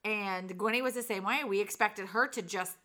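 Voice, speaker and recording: A woman telling family stories in a casual conversational way, animated and expressive, acting out what each person said. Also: medium pitch. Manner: animated, expressive, quick to act out dialogue. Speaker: mother sharing a family's mission call.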